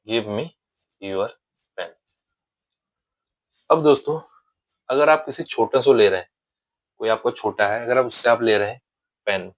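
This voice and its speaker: A man teaching good-manners phrases in an English lesson, explaining patiently and repeating each example phrase slowly. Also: medium pitch, no echo, rough recording. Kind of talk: spoken English lesson in Hindi.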